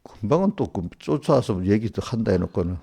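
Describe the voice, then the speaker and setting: A man's voice: fairly low pitch, sing-song, brisk, vocal fry, dark tone, breathy edge. A man, a pastor, preaching informally to congregants and scolding them with one rhetorical question after another. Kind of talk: small-group sermon addressing congregants directly.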